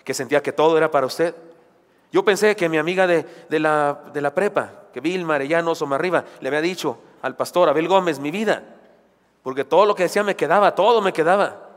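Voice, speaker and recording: A man's voice: fairly high pitch, fast. A man preaching a sermon, emphatic, with rhetorical questions and joking asides. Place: church sanctuary. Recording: long church hall reverb.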